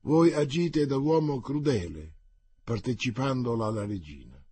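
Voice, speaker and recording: A man's voice: medium pitch, expressive, normal speed, warm tone, husky, no room sound. Man voicing a nervous courtly envoy. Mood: uneasy. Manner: hesitant, stammering deference. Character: nervous, embarrassed gentleman envoy.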